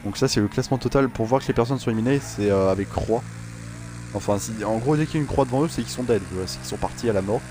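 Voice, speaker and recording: With a medium-pitched voice and a fast delivery, a gaming channel host talks over his racing gameplay. Game sounds and music make it noisy as he rambles and jokes, filling his speech with fillers and restarts.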